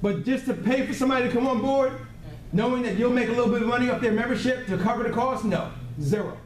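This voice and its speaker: A man's voice: extremely high pitch, fast talker. A man giving a motivational sales training talk, blunt and emphatic, repeating key words and often checking that the group follows. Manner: emphatic repetition for effect; frequently checks in with listeners. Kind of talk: motivational training seminar speech. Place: indoor training room with a live group. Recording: echoey room, distant mic, faint noise.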